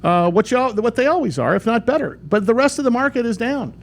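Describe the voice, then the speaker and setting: A middle-aged man hosting a radio talk show, rambling and lively, often restarting his sentences. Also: very high-pitched, fast, gravelly.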